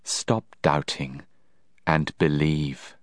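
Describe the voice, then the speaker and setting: Brief: a man doing a solemn, gentle Jesus, very low, slow and unhurried, dry close sound. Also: steady tone, dry recording, exaggerated voice. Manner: slow, grave and soft-spoken. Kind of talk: dramatized scripture reading.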